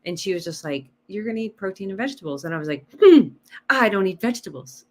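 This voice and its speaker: Talking fast in a medium pitch, a woman health coach chats casually as a podcast guest. She explains nutrition animatedly with numbers and rhetorical questions, regularly tossing in "right?".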